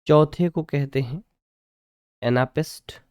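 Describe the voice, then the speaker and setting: A man teaching an English literature lesson in Hindi mixed with English. He keeps checking with his students and slows right down to dictate definitions. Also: on the high side, darkish tone, clear, resonant tone. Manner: mixes Hindi and English, keeps asking "ठीक है".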